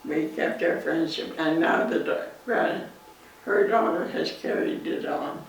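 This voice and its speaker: A very old Canadian woman reminisces in an interview, slowly and with a gravelly creak in her voice. She halts and pauses mid-sentence. The recording is very echoey, picked up from a distance. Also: deep voice. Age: 90s. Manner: halting, pausing mid-sentence. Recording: echoey, distant mic, faint noise.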